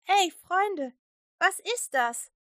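A woman's voice: medium pitch, sing-song, moderate pace, no echo, studio quality. A woman voicing an eager, awestruck male disciple in a children's Bible story, calling out in wonder. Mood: amazed.

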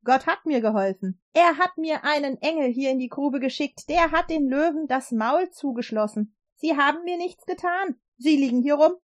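A woman voicing a faithful, calm young prophet in a read-aloud Bible story, earnest and gentle. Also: high-pitched, normal speed, few pauses, no room sound, highs cut off, voice pushed up. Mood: relieved.

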